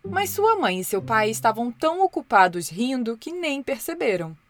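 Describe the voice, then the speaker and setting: A woman narrating a children's storybook with expressive, lively delivery. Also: on the high side, moderate pace, faint music behind.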